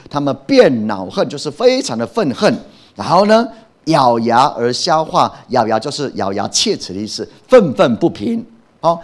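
A man preaching a sermon as pastor, emphatic, often asking the congregation a question and answering it himself. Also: medium pitch.

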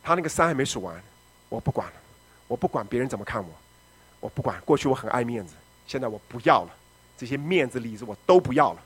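A middle-aged man, a pastor giving a testimony sermon, telling his story dramatically and moving between loud shouting and quiet, low speech. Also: breathy edge.

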